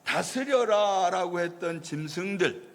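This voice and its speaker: A man's voice: high voice, animated, takes it slowly, fairly bright tone. Male pastor preaching in a reverberant hall. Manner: acts out quoted voices in storytelling preaching. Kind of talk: sermon. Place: church sanctuary.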